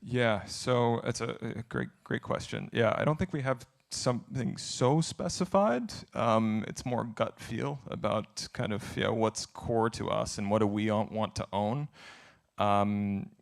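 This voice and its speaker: Man, low voice, gravelly, conference Q&A answers, candid, thinking aloud. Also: a little slow. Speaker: speaker answering audience questions. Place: conference event.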